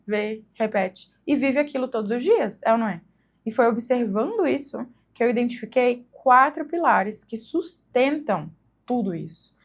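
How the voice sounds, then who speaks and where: A woman with a Brazilian accent giving a conversational lesson to the camera, often checking in with tag questions. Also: fairly high pitch. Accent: Brazilian Portuguese. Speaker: English teacher for mothers. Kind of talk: instructional video talk to the camera.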